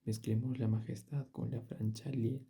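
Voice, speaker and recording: A man's voice: medium pitch, level tone, normal speed, vocal fry, warm tone, lightly acted. A man doing a pompous young orator. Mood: orating. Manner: declaiming, lecturing. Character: pompous young male student, fond of grand speeches.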